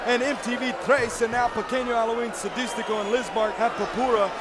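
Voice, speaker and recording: High-pitched, emphatic male lucha libre announcer. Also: level tone, fairly quick, heavy background noise. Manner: emphatic, shouted calls. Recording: loud music behind. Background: loud music.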